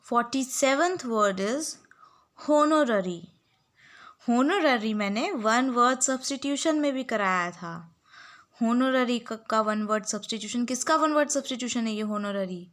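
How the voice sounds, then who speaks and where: A woman's voice: fairly high pitch, animated, measured pace, a bit bright. A young woman teacher giving a spelling lesson, dictating words and spelling them out letter by letter. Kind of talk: spelling lesson for exam students.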